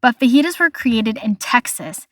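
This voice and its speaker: A woman's voice: on the high side, lively intonation, moderate pace, fairly bright tone, dry recording, clean studio sound. Chatty young woman, podcast host. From United States. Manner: chatty, stumbles over foreign words and laughs at herself. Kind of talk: casual solo podcast, listing food facts.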